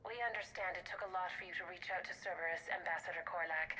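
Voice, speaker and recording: Cool, sharp-voiced controlling agent. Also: female voice, lowish voice, fairly even intonation, quick pace, slight background noise. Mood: cool, insistent. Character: cool, controlling female agent pressuring an informant. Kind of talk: dramatic game acting.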